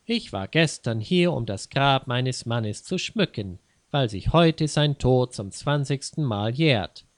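A man's voice: medium pitch, expressive, takes it slowly, hardly any pauses, no room sound. A man voicing a furious middle-aged widow who screams insults and scorns her rival. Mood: indignant. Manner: shrieking insults, scornful and self-righteous.

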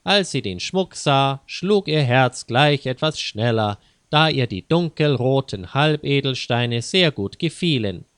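A man reads a children's story aloud at a slow, measured pace. His voice is smooth and clear. The recording is dry and close, with no room sound. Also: mid-range voice, a bit bright, no echo. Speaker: narrator.

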